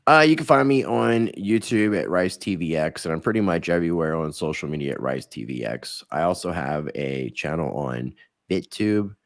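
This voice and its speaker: A man's voice: sits low, expressive, normal speed, vocal fry, dry recording, studio quality. A man speaking as a guest in a casual conversation, with a sarcastic, joking manner. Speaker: guest, online video creator.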